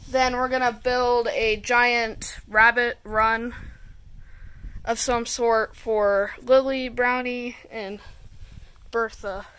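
Recorded outdoors on a handheld phone with a little hiss or hum, a woman with a fairly high voice narrates her casual farm vlog. She keeps it relaxed, talking through her projects as she works.

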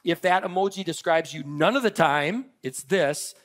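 A man's voice: a little high, normal speed. A man preaching a sermon as pastor, leading the church in a playful audience exercise. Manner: upbeat, leads audience participation with laughs.

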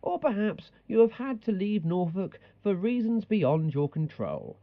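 A man's voice: high-pitched, big pitch swings, a little slow, no room sound, narrow, tinny audio, exaggerated voice. A man playing a bossy, exasperated language-tape instructor in scripted comedy narration. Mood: mock-solemn.

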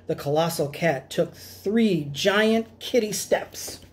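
A middle-aged man reads a children's picture book aloud in a dramatic storytelling style, indoors in a small room at home. His voice is high-pitched and slow, with a little hiss or hum on the recording.

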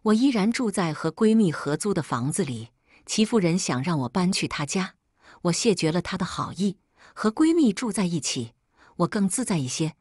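A woman narrating a first-person story in an even, unhurried reading. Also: lowish voice, breathy edge, no room sound, studio quality.

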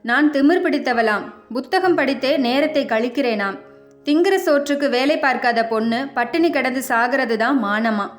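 A wounded young wife in a family storybook, tearful and bitterly reproachful, as a woman narrator puts her on. The voice is high, with soft music in the background. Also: normal speed, lightly acted. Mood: resentful.

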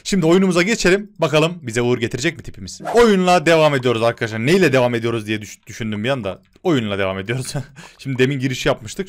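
A young man commentating his own Minecraft gameplay, excitable and quick to get annoyed at his teammates. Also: medium pitch. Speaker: gaming YouTuber. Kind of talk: Minecraft let's-play commentary.

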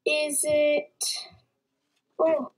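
Woman, high voice, impatient contestant, interrupting, pushy. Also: monotone, drawn-out words. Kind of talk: playful pretend game show chat.

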